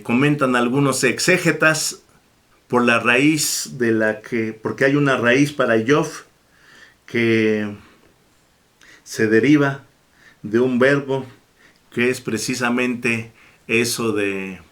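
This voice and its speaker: A man's voice: mid-range voice, fairly even intonation, takes it slowly, long pauses, a bit bright. A man teaching a Bible Hebrew class, patiently repeating each word and stopping to bless God between points. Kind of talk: slow, patient classroom lesson.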